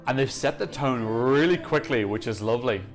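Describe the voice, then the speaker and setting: A man's voice: medium pitch, animated, fairly quick. A young man hosting a music reaction channel, chatting enthusiastically and gushing in casual analysis. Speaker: Eurovision reaction channel host.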